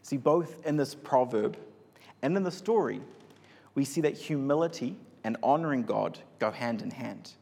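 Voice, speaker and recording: A man giving a sermon, retelling a Bible story in a relaxed, conversational way with frequent fillers. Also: medium pitch, moderate pace, vocal fry, husky. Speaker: preacher. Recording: long hall reverb.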